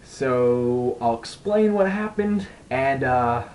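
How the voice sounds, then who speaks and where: A man's voice: mid-range voice, slow pace, a little hiss or hum, low-quality recording. A young man telling stand-up style stories to camera in a casual, rambling way, acting out other people's voices. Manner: rambling, animated, breaks into laughs, acts out voices. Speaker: stand-up storyteller. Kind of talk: casual comedic storytelling to camera.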